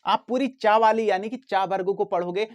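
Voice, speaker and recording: A male teacher giving a lesson, who asks his students questions and answers them himself, repeating words and sounds slowly to demonstrate them. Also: sits high, lo-fi sound. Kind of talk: classroom lesson.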